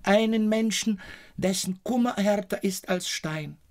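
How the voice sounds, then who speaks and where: A man reading an audiobook, voicing a tearful grown daughter in soft, plaintive tones. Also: high voice, a little slow, voice pushed up.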